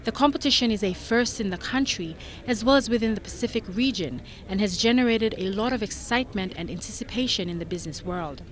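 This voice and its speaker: A woman narrating a television business news report in a measured, scripted delivery. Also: medium pitch.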